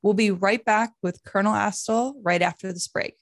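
A woman's voice: mid-range voice, steady tone, normal speed, no room sound, clean studio sound. Lady cohosting a podcast, mid voice, doing intros and questions, no room sound. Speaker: podcast co-host.

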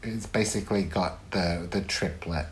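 A man's voice: low-pitched, steady tone. Rambling man guest on a podcast. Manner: rambling, halting with many restarts and ums. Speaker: guest author. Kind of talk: casual interview chat.

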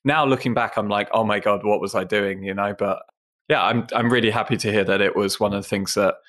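A low-pitched English man in his thirties talks as a podcast guest. He rambles casually, peppering his answers with fillers and self-deprecating asides. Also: steady tone, brisk, a bit bright. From England (Essex). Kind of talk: casual interview chat.

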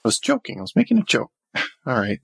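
A man's voice: mid-range voice, huge pitch swings, fairly quick, creaky, a bit bright, slightly rough. A man playing a tabletop role-playing game, casually chatting and asking questions in and out of character.

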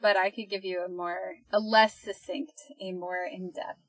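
A woman's voice: fairly low pitch, little pitch movement, moderate pace, no room sound, low-quality recording. A young woman co-hosting a podcast, chatting in a casual, teasing way and laughing often. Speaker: podcast co-host.

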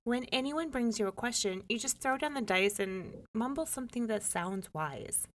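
A woman voicing a sharp-tongued, ambitious young wife in a folk tale. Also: on the high side, animated, moderate pace, voice pushed up, close to an everyday voice. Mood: scolding. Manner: indignant, scolding.

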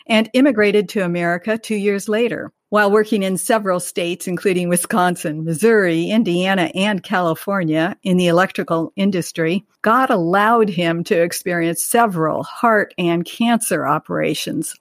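A woman's voice: fairly low pitch, normal speed, few pauses, dry recording, studio quality. A woman co-hosting a podcast, giving a prepared guest introduction and leading an interview.

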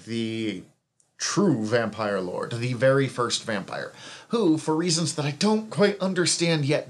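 A man co-hosting a casual podcast, walking through comic book backstory. He talks in a rambling way, stopping to correct himself mid-sentence and chuckling at his own asides. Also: medium pitch. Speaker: podcast co-host recapping comics.

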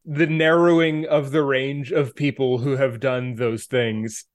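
A man's voice: medium pitch, fairly even intonation, measured pace, no echo. A man co-hosting a podcast, chatting casually and making dry jokes. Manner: joking, dry quips. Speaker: podcast co-host. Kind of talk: casual chat.

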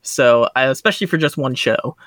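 A man's voice: medium pitch, brisk, dry recording. A man co-hosting a podcast in easygoing casual chat, often saying "like" as he talks. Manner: relaxed, easygoing, uses "like" often. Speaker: podcast co-host.

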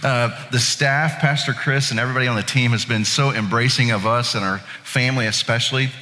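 The long echo of a church hall surrounds this late-thirties Indiana pastor as he shares a homespun, self-mocking story in a relaxed sermon from the sanctuary. His voice is mid-range and steady, brisk, pushed and bright.

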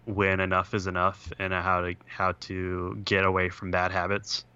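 A man's voice: deep voice, monotone, moderate pace, bright, forceful tone, clear, resonant tone, muffled recording. A young man on a podcast, talking over a video call that keeps breaking up. He rambles with lots of "like" and "uh". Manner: rambling, full of "like" and "uh". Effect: video call audio that breaks up. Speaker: podcast co-host. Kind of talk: casual chat. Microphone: computer on a video call.

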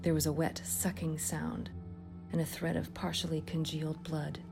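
A woman narrating a scripted horror story in a hushed, often whispered delivery. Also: low voice, little pitch movement, moderate pace, vocal fry, music in the background.

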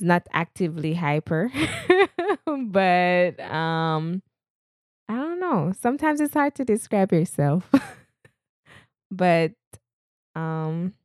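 A woman's voice: fairly low pitch, darkish tone, clean tone, no room sound, clean studio sound. A woman with a Jamaican accent chatting casually as a podcast co-host. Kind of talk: casual chat, self-introduction.

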